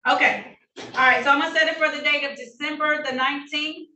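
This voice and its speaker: A woman judge running formal hearings, brisk and polite, heard in a courtroom recording. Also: high voice, fairly even intonation, a crowd in the background. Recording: echoey room heard from a distance, faint noise.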